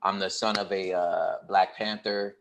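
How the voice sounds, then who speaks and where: Low-voiced man in easygoing chat. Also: measured pace, gravelly, a little hiss or hum. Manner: relaxed and conversational, with many fillers and a laugh. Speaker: poet and hip hop artist, podcast host. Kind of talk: casual panel chat.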